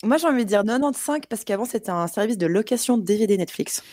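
A woman's voice: medium pitch, expressive, fast talker, a little mellow, no room sound, clean studio sound. A woman guest answering quiz questions in a confident, chatty way. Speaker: radio show guest. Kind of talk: casual chat.

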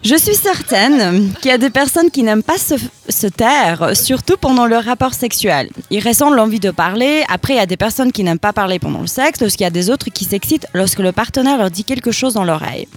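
A woman's voice: fairly high pitch, animated, a little fast, few pauses. A woman hosting a show, reading a prepared monologue to listeners, then leading a group chat with questions. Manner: addresses listeners directly, leads questions. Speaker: podcast host.

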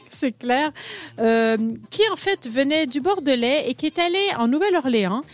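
A woman's voice: high voice, animated, unhurried. A woman radio columnist running a cocktail quiz in casual chat, explaining at length and laughing easily.

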